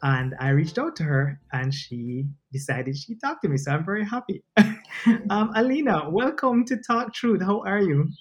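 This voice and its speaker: A man's voice: high-pitched, breathy edge, muffled recording, soft background music. Upbeat man hosting a podcast. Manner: excitable, upbeat, playful; scripted intro, then chatty and quick to tease. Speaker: podcast host. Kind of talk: casual interview.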